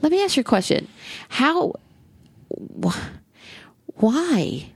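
A woman's voice: high-pitched, big pitch swings, slow pace, breathy edge, dry recording. A woman with a Southern US accent, co-hosting a casual podcast, rambling with lots of fillers and casual swearing. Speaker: podcast co-host.

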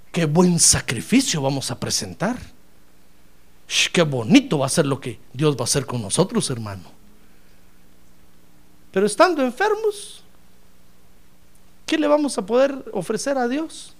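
A man preaching a sermon as pastor, animated and acting out the voices of his congregants. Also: high voice.

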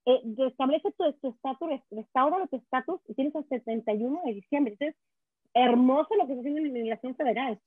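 A Mexican woman, a guest speaking on immigration, talking in a chatty, quick way over a call. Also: high voice, husky, no room sound. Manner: fast, chatty, restarts words. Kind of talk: casual chat. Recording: tinny dry phone line.

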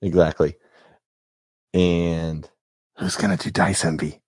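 A man hosting a tabletop game podcast as dungeon master, upbeat and announcer-like, quick to laugh. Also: low voice, fairly even intonation, a little mellow, slightly rough, no echo, clean studio sound. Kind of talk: podcast intro and game talk.

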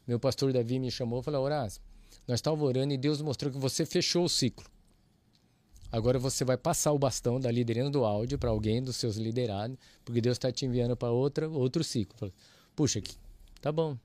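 A man shares a church testimony in a lively, conversational way. He plays out both sides of the conversations as he tells the story. His voice sits in a middle pitch and sounds dry and close. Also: fast, dry recording. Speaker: guest, church audio ministry leader.

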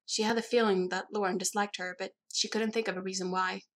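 A woman narrating a novel in a steady, even storytelling manner. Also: mid-range voice, a little fast. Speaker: audiobook reader. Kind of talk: scripted narration.

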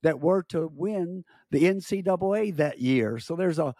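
Older male missionary guest, gravelly, slightly high, dry close sound, halting earnest storyteller. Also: mellow, no echo. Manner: halting with repeated starts, earnest. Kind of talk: casual storytelling interview.

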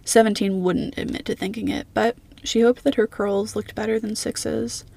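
A woman reading a fan fiction story aloud as narrator in a steady, even way. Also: medium pitch, moderate pace, gravelly.

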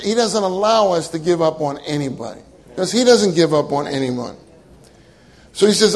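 High-voiced man preaching earnestly. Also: a little mellow, rough recording. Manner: earnest, emphatic, repeats key phrases. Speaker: minister. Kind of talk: sermon.

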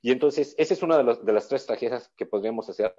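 A man's voice: mid-range voice, fast, mellow. A man speaking as a guest expert, explaining at length with hesitant restarts and acting out short quotes of children and parents. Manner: hesitant restarts with filler words. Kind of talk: explanatory interview talk. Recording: slightly dull lo-fi audio.

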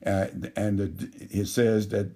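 A man's voice: lowish voice, flat delivery, warm tone, slightly rough. A man preaching a sermon, reading scripture aloud and explaining it verse by verse with frequent restarts. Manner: slow, measured teaching with frequent restarts. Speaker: pastor.

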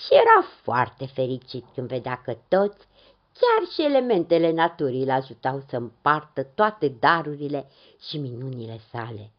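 Woman narrator, low voice, lively melodic reading, dull lo-fi sound. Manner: expressive, lilting. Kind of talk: storybook narration. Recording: dull lo-fi recording.

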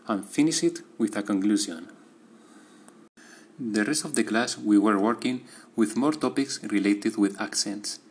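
A man with a slightly husky, breathy voice reads a prepared class diary aloud. His pitch sits in an ordinary middle range. He goes through it step by step, steady and methodical. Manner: steady, methodical reading of a written account. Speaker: student.

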